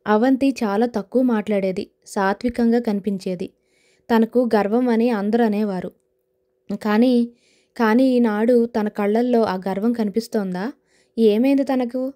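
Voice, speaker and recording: A woman narrating an audio novel, reading every character's lines herself in a gentle, even tone. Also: on the high side. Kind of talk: scripted novel narration with voiced dialogue.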